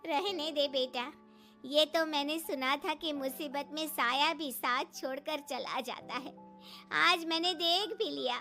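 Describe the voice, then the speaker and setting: A woman voicing a worried, bitter aunt in an animated story, speaking reproachfully. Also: sits high, measured pace, soft background music, pitched above the performer's own voice, heavily acted.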